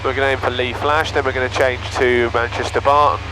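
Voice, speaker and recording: A man's voice: medium pitch, flat delivery, quick pace. A British man piloting a small plane, talking matter-of-factly and procedurally over a cockpit headset, as pilot over the radio. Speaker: private pilot. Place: cockpit of small light aircraft. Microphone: aviation headset intercom. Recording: noisy cockpit intercom audio.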